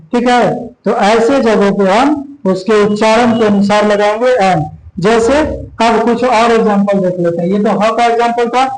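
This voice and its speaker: A man with a high voice teaches a grammar class, speaking in a roomy, echoing space. He explains step by step, keeps checking that his students are following, and stretches out each example word slowly so it can be copied down. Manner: explains patiently, often checking with "okay" and slowly drawing out example words. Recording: echoey room.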